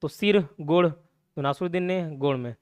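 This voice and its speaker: Male exam tutor, young, raised voice pitch, dry close sound, playful mnemonic style, constant check-ins. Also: normal speed, darkish tone, no room sound. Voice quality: chatty, repeats check-ins like "okay" and "clear". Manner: playful mnemonics, laughs at own jokes. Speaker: exam coaching teacher. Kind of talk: casual classroom lecture.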